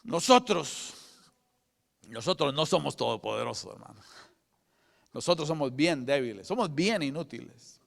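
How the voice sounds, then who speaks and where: An older man preaching a sermon as pastor, with fervent delivery that moves from loud proclamation to hushed whispers. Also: on the high side, sing-song, normal speed, gravelly, long pauses. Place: church sanctuary. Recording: church hall with long reverb.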